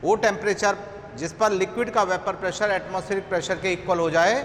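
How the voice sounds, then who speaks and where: A middle-aged man with an Indian accent teaching chemistry, dictating notes slowly and repeating phrases word by word. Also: high voice, fairly even intonation, a bit bright. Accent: Indian English. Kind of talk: dictating a lecture. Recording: echoey room, long reverb, faint noise.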